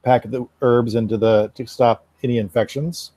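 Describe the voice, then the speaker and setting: A man running a tabletop role-playing session as game master, his voice mellow and warm. He narrates in a relaxed, measured way with casual fillers, and the sound is dry and close. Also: medium pitch, no echo.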